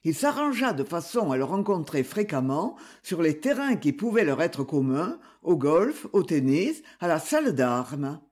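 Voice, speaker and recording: A narrator reading a classic novel aloud as an audiobook. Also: medium pitch. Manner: slow, expressive literary reading.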